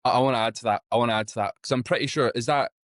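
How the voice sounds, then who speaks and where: A man hosting a podcast, chatty and excitable, swearing casually. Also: mid-range voice, racing, no echo, studio quality. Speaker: podcast host.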